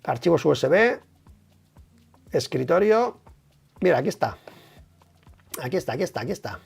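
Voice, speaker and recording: Animated Spanish streamer man, gravelly. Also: fairly high pitch, moderate pace, soft background music. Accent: Spain Spanish. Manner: animated, emphatic, swears, many tag questions. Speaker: motorcycle racing streamer. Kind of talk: casual live stream race analysis.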